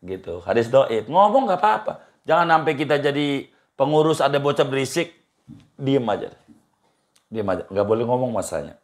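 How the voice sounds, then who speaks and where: A man, a cleric giving a relaxed religious study talk and answering questions in a colloquial, repetitive way. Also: mid-range voice, moderate pace. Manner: easygoing, colloquial, repeats phrases, chuckles.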